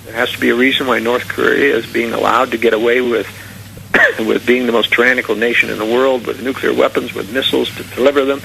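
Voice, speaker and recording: Very creaky-voiced man giving conspiratorial warnings. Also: mid-range voice, level tone, fast talker, pushed and bright, a little hiss or hum, low-quality recording. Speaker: guest commentator on a radio talk show. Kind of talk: unscripted political interview commentary.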